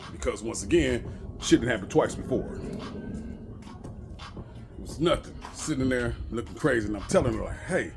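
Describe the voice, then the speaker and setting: A man's voice: medium pitch, creaky, darkish tone. A middle-aged man telling a profane story about work in a casual vlog rant. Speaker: bus driver.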